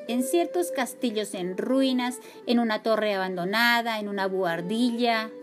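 A woman from reading a children's story aloud in an expressive, lively way. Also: a little high.

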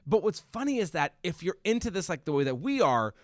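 Guy cohosting a movie podcast, lively up and down voice, dry close mic, keeps restarting himself. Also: high voice, fairly quick, dry recording. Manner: rambling, restarts often, animated. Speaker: podcast co-host. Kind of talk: casual movie review chat.

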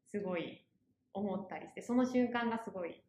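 A woman's voice: mid-range voice, fairly quick, warm tone, reverberant, slight background noise. A young woman from Osaka with a Kansai accent, a university student chatting casually as a guest and laughing often. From Osaka, Japan. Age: young adult. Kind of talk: casual podcast chat.

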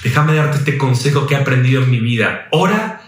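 Male preacher, mid-pitched, fervent exhortation, heavy room echo. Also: lively intonation. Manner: impassioned, exhorting, shifts between fast bursts and slow drawn-out emphasis. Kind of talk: sermon. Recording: very echoey room.

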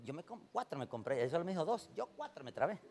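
Animated man preaching. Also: a little high, fast, creaky, a little hiss or hum. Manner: animated storytelling, acting out quoted voices, swings from soft to loud. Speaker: pastor. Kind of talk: sermon.

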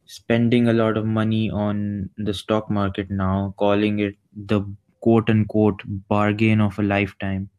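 A man's voice: on the low side, little pitch movement, a little slow, hardly any pauses, a little mellow, clear, resonant tone. A young man chatting casually as a podcast co-host, mixing English with some Hindi-Urdu. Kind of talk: casual chat.

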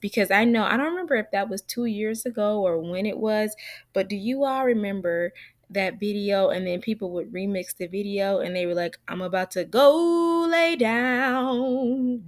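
A woman's voice: medium pitch, no echo, studio quality. A woman hosting a solo podcast, speaking to listeners directly in an earnest, encouraging way. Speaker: podcast host.

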